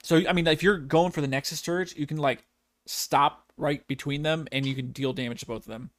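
A man co-hosting a casual podcast chat, relaxed and hesitant with frequent ums. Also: fairly high pitch, brisk. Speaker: podcast co-host.

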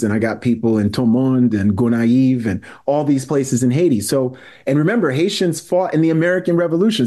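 An earnest man from New York City talks through his view as a podcast guest, his voice sitting at an ordinary middle pitch. He explains patiently in a lecturing way, often stopping to restart a sentence before pushing on. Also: warm tone. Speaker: guest historian. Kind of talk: podcast conversation.

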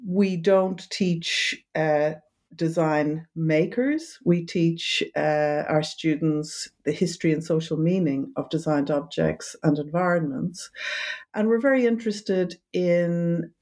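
Academic woman from Ireland, lowish mellow voice, measured and hesitant, interview guest. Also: fairly even intonation. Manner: thoughtful, hesitant with fillers. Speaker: author and design history academic. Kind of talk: interview answers.

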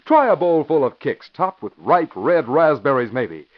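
On a dull, lo-fi old radio recording, a man announces and narrates a 1940s radio show. His slightly high voice is very animated, moving at a moderate pace with emphatic, punchy delivery.

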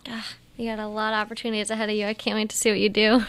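A woman's voice: medium pitch, completely flat delivery, very fast, fairly bright tone, slight background noise. A woman co-hosting a podcast, an agriculture journalist, asking questions in a friendly, encouraging way. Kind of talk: casual interview.

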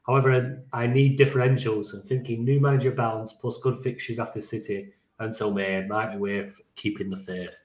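Casual male co-host, mid pitch, roomy echoey sound. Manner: casual, swears, laughs easily. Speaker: podcast co-host. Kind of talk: casual chat. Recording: roomy echo.

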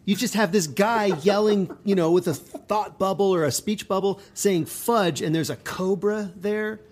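A man's voice: high-pitched, unhurried. A man co-hosting a podcast in casual chat, reading odd items aloud with amused enthusiasm. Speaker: podcast co-host.

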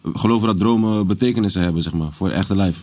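A man's voice: low-pitched, fast talker, darkish tone. A young man from the Dutch Caribbean hosting a casual dinner chat, slangy and often laughing. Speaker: host.

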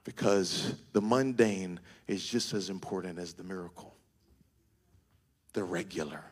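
A middle-aged male pastor preaching a sermon, moving from quiet reflection to shouted, sing-song calls to the congregation. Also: low-pitched, measured pace.

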